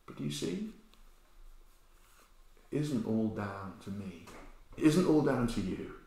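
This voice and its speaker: A man in his fifties preaching a sermon, animated storytelling that swings between loud and hushed, recorded indoors in a bare room by a camera at medium distance. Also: on the low side, slow, gravelly. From England. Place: bare-walled room indoors, with a sign language interpreter beside him. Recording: very echoey room.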